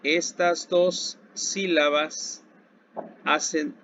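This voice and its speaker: A man with a Mexican accent teaching a recorded Spanish lesson to secondary school students. He speaks slowly and deliberately, asking a question and then answering it himself. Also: on the high side, steady tone, bright, forceful tone. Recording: dull lo-fi recording with faint background hiss.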